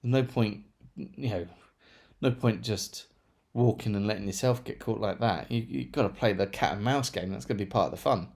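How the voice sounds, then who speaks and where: A man's voice: lowish voice, normal speed, vocal fry, darkish tone. A man chatting casually through a monthly book review, rambling with self-deprecating asides. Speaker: book vlogger.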